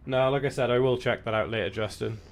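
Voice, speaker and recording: Gravelly Welsh man streaming a game. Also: medium pitch, steady tone, fast talker. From Wales. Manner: chatty, reads out viewer chat. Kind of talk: casual gameplay commentary.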